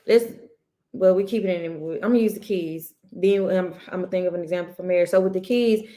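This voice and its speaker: A woman's voice: fairly low pitch, fairly quick, warm tone. A woman co-hosting a podcast, telling a family story about her child in an earnest, casual way, often restarting and circling back to make her point. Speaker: podcast co-host; mother.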